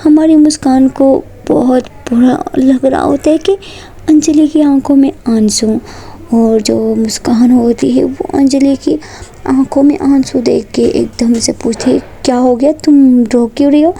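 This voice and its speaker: A woman narrating a romantic story in a soft, partly whispered, drawn-out way. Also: sits high, fairly even intonation, creaky, slightly rough.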